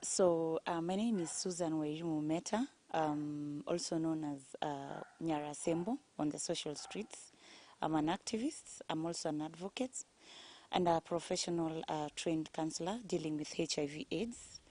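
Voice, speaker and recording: A woman in her forties from Kenya, a guest telling her story in a testimony interview, explaining things in a steady, measured way. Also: low voice. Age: 40s. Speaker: guest, HIV activist and counselor.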